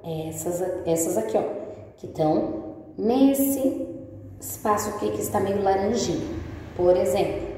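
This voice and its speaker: A woman with a Brazilian accent teaching preschoolers in a recorded lesson, slow and patient, asking the children's questions and answering them herself. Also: mid-range voice, dark tone. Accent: Brazilian Portuguese. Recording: echoey room with long reverb, faint noise.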